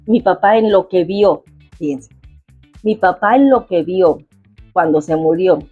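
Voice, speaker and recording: A woman's voice: medium pitch, dark tone, husky, no echo, dull audio. A middle-aged woman with a Mexican accent, chatting casually to viewers in a rambling way, full of asides. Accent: Mexican Spanish. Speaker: cooking vlogger.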